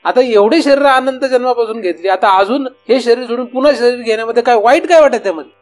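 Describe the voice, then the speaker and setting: A man's voice: very high-pitched, fast, soft background music. A man with a Marathi accent giving a devotional discourse as a spiritual teacher, talking conversationally and putting rhetorical questions to his listeners. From India.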